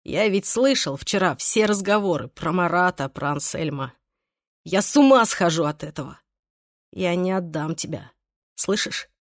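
A woman's voice: mid-range voice, animated, moderate pace, no echo, lightly acted. An obsessive young man speaks in an audiobook, swinging between desperate pleading and cold threats, voiced by a woman narrator. The recording is dry and close, with no room sound. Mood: cold menace.

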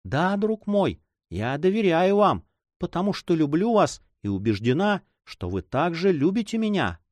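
A man's voice: on the high side, big pitch swings, moderate pace, darkish tone, no echo, pitched above the performer's own voice. A man reading aloud and voicing a young woman in love, anxious and devoted, in a pleading, fearful, tender manner.

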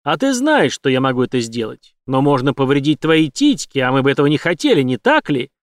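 A man voicing a brutal, leering adult male villain who taunts and threatens loudly. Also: medium pitch, sing-song, a little fast, no room sound, studio quality, lightly acted. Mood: taunting. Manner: taunting, menacing, loud.

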